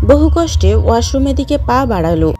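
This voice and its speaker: High, mellow woman narrating a story. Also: brisk. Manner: steady storytelling delivery. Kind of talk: scripted audio story narration.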